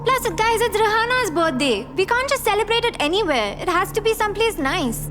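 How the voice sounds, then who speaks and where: An actress playing a well-off young woman who makes the group's plans, defensive and sharp, speaking English and Malayalam. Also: extremely high pitch, very animated, extremely slow, background noise, full character voice. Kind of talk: short film acting.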